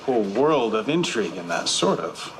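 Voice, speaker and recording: Skeptical male cop, low voice and deadpan sarcasm, noisy TV drama audio. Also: moderate pace. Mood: dry. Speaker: police officer. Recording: TV drama audio with background noise.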